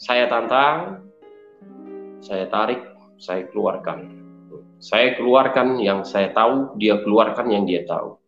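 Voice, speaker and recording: Loud-spoken man with a Medan accent. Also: fairly low pitch, animated, slow, pauses often. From Medan, Indonesia. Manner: loud, forceful delivery; keeps addressing listeners as brothers. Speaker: testimony speaker. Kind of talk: personal religious testimony. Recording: dull roomy recording with faint music.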